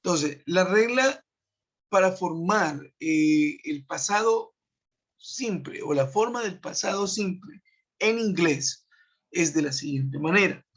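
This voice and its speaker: A man, teaching an online English grammar lesson, explaining step by step and checking in with his students. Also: a little high. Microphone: web conference computer mic. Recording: dull lo-fi web call audio.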